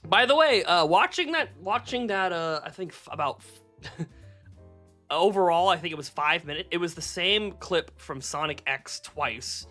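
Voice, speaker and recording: A streamer rambles through a casual live-stream chat, answering viewers' messages and laughing often. The delivery is bright and animated, full of swearing and quick self-corrections. Faint music plays in the background. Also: mid-range voice.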